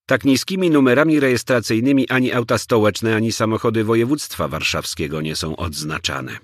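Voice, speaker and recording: A man voicing a sharp, commanding police commissioner in an audiobook, speaking in clipped, urgent commands. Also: lowish voice, brisk, dry recording, clean studio sound, pitched above the performer's own voice, close to an everyday voice. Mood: explaining.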